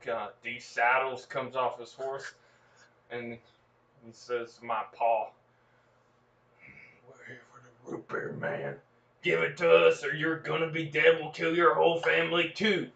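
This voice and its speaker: A man's voice: on the high side, vocal fry, bright, forceful tone, full character voice. A podcast host voicing a young frontier farm boy who spins a rambling tall tale in an exaggerated Old West drawl. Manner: folksy rambling yarn with gasps and exclamations. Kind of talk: comedic improvised storytelling. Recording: echoey, lo-fi, distant mic.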